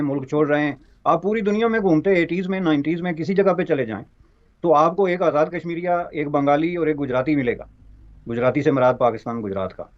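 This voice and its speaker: Man panelist on dull lo-fi audio. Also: on the high side. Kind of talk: TV panel debate.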